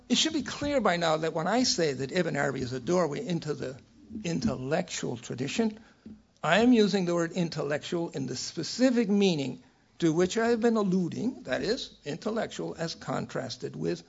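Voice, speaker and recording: An older man giving a scholarly lecture from a prepared text, in a measured, erudite professorial manner with a raspy voice. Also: fairly high pitch, sing-song, lo-fi sound. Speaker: academic lecturer.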